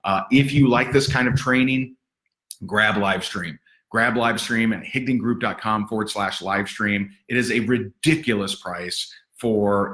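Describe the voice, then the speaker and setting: A man giving a livestream sales training, punchy, energetic and sarcastic. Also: on the low side, roomy sound.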